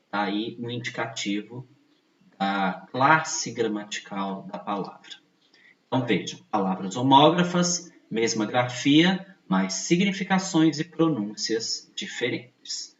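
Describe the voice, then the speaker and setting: A man teaches at an unhurried, deliberate pace, patiently repeating each point and checking that his listeners follow. His voice sits in a middle register and comes from some distance off the mic. The room is noticeably echoey and the recording sounds dull and muffled. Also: mid-range voice, a little hiss or hum. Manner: slow, patient, repeats points with frequent tag questions. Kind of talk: video lesson explanation.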